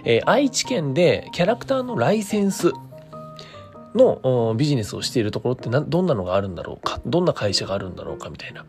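A man's voice: medium pitch, big pitch swings, quick pace, darkish tone, soft background music. A man hosting a casual solo talk stream, mixing polite presenter phrasing with chatty asides and thinking aloud in a hesitant, meandering way. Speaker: creator hosting his own daily talk stream. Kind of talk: casual solo monologue to listeners.

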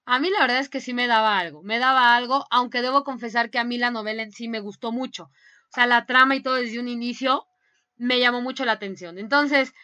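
A woman's voice: on the high side, brisk. A woman hosting a fan radio show, reading listener messages in casual chat and gushing with frequent laughter. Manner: laughs often, gushing and excitable.

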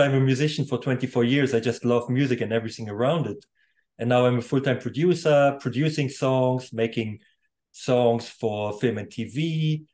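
A man's voice: mid-range voice, a little mellow. Laughing German-speaking man in his thirties. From Poland, raised in Germany. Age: 30s. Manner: chatty, laughs easily, many restarts. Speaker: guest, music producer. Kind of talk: casual interview.

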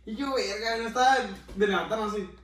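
Young Mexican co-host, high voice, loud joker, echoey room. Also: male voice, brisk. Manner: joking, teasing, loud. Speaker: podcast co-host. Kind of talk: casual chat. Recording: echoey room, mic at a distance.

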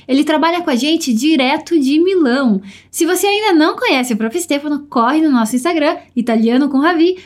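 Here a language teacher leads a podcast lesson in a high voice shaped by a Brazilian Portuguese accent. Encouraging and upbeat, she takes each word slowly and carefully so listeners can copy it.

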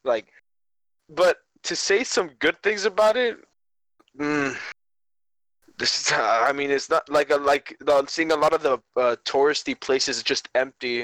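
A young man with a lisp, slushy on his s sounds, chatting casually in a halting, rambling way. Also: mid-range voice, a bit bright, dry recording, rough recording. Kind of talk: casual group chat.

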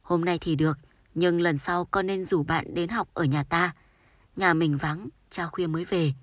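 A woman voicing a gentle, grieving middle-aged father who speaks softly and pleadingly. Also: fairly low pitch, steady tone, unhurried, dry recording.

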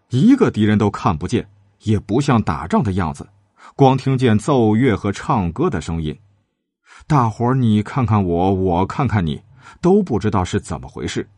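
A man telling a traditional tale with lively, dramatic delivery. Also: breathy edge, dry recording, studio quality. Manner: lively, dramatic, shifting pitch for characters. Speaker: storyteller. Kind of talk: storytelling narration with acted character lines.

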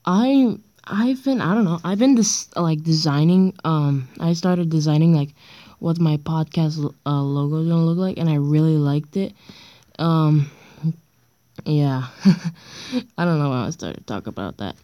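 A woman's voice: sits low, dark tone, no room sound, lo-fi sound. A young girl around sixth-grade age, with a stuffy nose, rambling hesitantly and self-deprecatingly in a casual solo podcast, recorded on a dictaphone. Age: child or young teen, around sixth grade. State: stuffy nose from being sick. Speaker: amateur podcaster. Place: indoors on a bedroom floor, late at night. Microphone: handheld voice recorder.

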